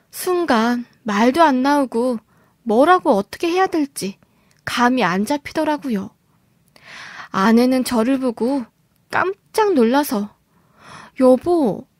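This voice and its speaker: A woman's voice: high voice, no echo, studio quality. A woman narrating a first-person story for a story-radio show as a scripted, dramatic reading.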